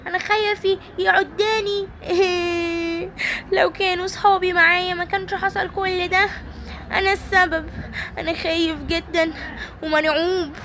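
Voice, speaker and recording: A woman's voice: extremely high pitch, expressive, rapid-fire, fairly bright tone, a little hiss or hum, voice pushed up. A woman voicing a small, frightened lion cub toy who talks in a whiny, pleading way.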